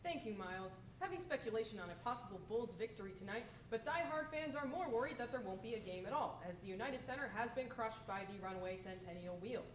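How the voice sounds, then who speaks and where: A woman's voice: fairly high pitch, animated, fast, few pauses, lightly acted. A woman playing an earnest sports reporter in a comedy newscast. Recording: roomy, distant, noisy.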